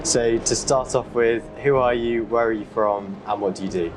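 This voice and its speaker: A man interviewing a guest at a trade symposium, asking brisk, prepared questions. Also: medium pitch, steady tone, background noise. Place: trade symposium in New York.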